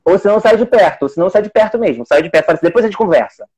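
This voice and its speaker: Man, high voice, rambling casual chat with restarts, single father hosting a live stream. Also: animated, racing, darkish tone, husky. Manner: rambling, many restarts, quoting his own talks with his son. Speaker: adoptive single father, channel host; teacher of young children.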